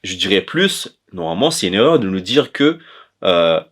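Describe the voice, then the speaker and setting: Presenting a language-themed educational chronicle, a man from the Comoros talks in a low, sing-song voice with a fairly bright tone at a moderate pace. He explains casually but hesitantly, frequently pausing to correct himself.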